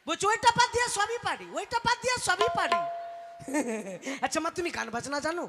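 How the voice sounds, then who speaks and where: A man's voice: extremely high pitch, sing-song, a little fast, big-room sound, loud music behind the voice, exaggerated voice. A man playing a fussy, exasperated matchmaker who repeats back the bride's answers in a folk stage play.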